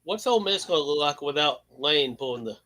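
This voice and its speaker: Man in his fifties, sharp bright voice, fairly high, swears a lot, rambling host. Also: expressive, fairly quick, rough recording. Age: 50s. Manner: profane, rambling, opinionated. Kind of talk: casual sports chat.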